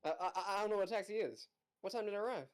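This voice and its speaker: A man's voice: sits high, expressive, very fast. A man voicing a frail, timid, simple-minded old man in a game, stammering in a childlike way. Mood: nervous.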